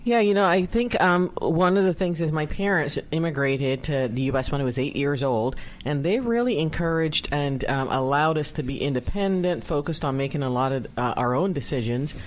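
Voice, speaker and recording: A woman's voice: low voice, normal speed, hardly any pauses. A woman from Barbados, a nonprofit director, answering radio interview questions in a conversational way.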